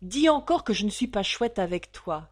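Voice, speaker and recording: A woman's voice: mid-range voice, lively intonation, moderate pace, darkish tone, close to an everyday voice. A woman voicing a cocky slangy tough guy. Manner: cocky, slangy, self-satisfied. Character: swaggering Parisian tough guy, smug lover.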